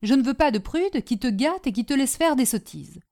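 A domineering old aunt snaps out orders and mockery, voiced by a woman reading a storybook. Her voice sits high and pushes loud. She sounds scornful and sure of her own power. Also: lively intonation, normal speed. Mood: stern. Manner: sharp, mocking, commanding. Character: domineering stubborn older aunt, scornful and scolding.

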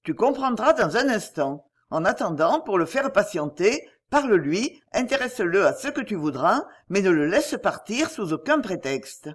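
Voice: medium pitch, sing-song, normal speed, few pauses. A reader of a French crime novel voicing a young police inspector who urgently asks a friend for a favor. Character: young male police inspector, quick and scheming.

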